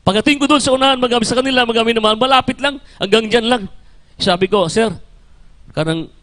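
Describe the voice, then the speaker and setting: A man's voice: fairly even intonation, fast talker. A man with a Filipino accent preaching a storytelling sermon, calling the congregation by a loving address in nearly every line. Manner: emphatic storytelling sermon, shifting between loud and low.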